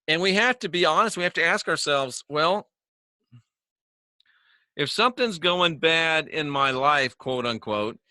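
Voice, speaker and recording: A man's voice: fairly high pitch, animated, a little slow, long pauses, bright, forceful tone, no echo, studio quality. A man hosting his own religious talk show, speaking casually and folksily to viewers, joking, chuckling at himself and repeating words for emphasis. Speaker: online religious talk host. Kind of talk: casual spoken monologue to viewers. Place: home studio he calls the bunker.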